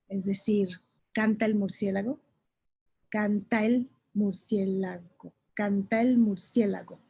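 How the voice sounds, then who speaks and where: A woman teaching an online haiku workshop in Mexican Spanish, explaining patiently, repeating examples slowly and checking in with "ok?". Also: a little high, warm tone, slightly rough. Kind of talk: online poetry lesson.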